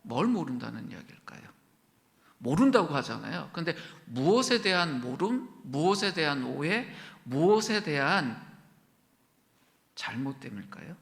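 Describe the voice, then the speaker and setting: This pastor's sermon rings with church hall reverb as he speaks unhurriedly in a high, gravelly, slightly bright voice with big pitch swings. He questions his congregation often, acts out quotations, and occasionally whispers.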